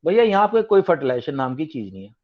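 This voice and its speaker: A man's voice: a little high, very animated, fast, highs cut off. A man teaching a science class online, explaining in a mix of Hindi and English and asking his students questions. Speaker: tutor.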